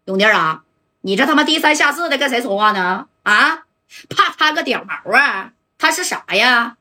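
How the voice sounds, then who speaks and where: A woman's voice: a little high, lively intonation, moderate pace, pushed and bright, far from the mic, heavily acted. A woman voicing an arrogant male gangster with a Northeastern Chinese accent, swaggering and cursing. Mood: scornful.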